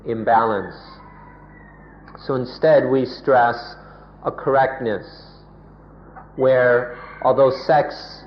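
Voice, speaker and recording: A man translating a Buddhist talk into English, measured and careful, with pauses and restarts. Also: mid-range voice. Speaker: interpreter. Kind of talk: slow spoken translation. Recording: muffled tape with faint hiss.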